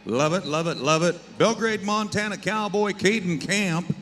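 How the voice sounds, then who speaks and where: A man gives live rodeo commentary as the arena announcer. His voice sits a little high for a man and comes over a PA with faint noise behind it. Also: normal speed, fairly bright tone.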